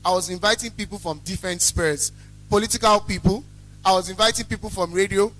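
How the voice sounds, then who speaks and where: On poor audio, a young adult man with a Nigerian accent delivers a motivational talk to students, speaking a little fast in a high, loud, carrying voice. He is a guest speaker who owns a small chops business. His style is blunt and emphatic, with repeated phrases for effect.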